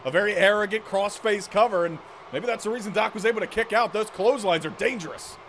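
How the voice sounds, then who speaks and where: A man's voice: high voice, fast, fairly bright tone, a little hiss or hum. A man calling wrestling play-by-play in a dramatic, exclamatory style of match commentary.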